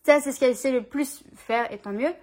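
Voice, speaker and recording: At home in front of her camera, a young woman vlogger chats in a slightly high voice that's a little fast and a little mellow. Her talk is loose, informal and slangy, full of fillers and restarts, like an easygoing chat.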